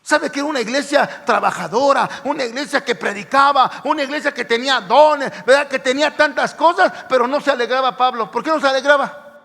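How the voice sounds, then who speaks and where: A man delivers an emphatic sermon, calling out to his congregation again and again. His voice sits very high and carries a gravelly rasp. The sound rolls around a reverberant church hall. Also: fairly quick. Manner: emphatic, repeats "hermano", rising to shouts. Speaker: pastor. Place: church sanctuary.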